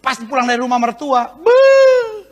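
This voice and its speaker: A male pastor delivering a sermon, mixing joking asides with fervent shouted points. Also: very high-pitched, moderate pace, muffled recording.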